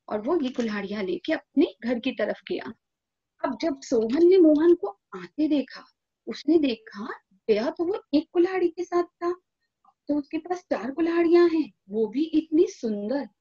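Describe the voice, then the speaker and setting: High-voiced woman telling a children's story. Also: lo-fi sound. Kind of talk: storybook reading for school children.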